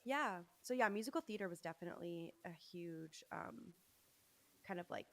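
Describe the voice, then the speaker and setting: Chatty young woman, low voice. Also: lively intonation, moderate pace, gravelly, slight background noise. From Los Angeles, USA. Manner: chatty, self-deprecating, many fillers and restarts. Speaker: musician guest. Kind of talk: casual interview chat.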